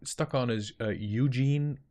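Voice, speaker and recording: An Icelandic-accented man who streams and serves as a dungeon master chats casually with viewers on a livestream. His mid-range voice is a little mellow and a little slow, and he rambles, restarts often, and responds to chat.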